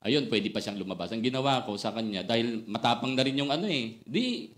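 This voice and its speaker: A man preaching, pitched squarely in the middle of the male range. He tells his story with animation, dropping to hushed asides and rising to loud, excited bursts. English phrases drift through his talk. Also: quick pace. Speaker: pastor. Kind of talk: storytelling sermon.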